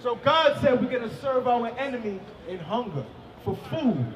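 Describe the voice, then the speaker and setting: A man preaching outdoors on a city street, quizzing a passerby and often shouting and repeating his points. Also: very high-pitched, lively intonation, moderate pace, reverberant, far from the mic, poor audio.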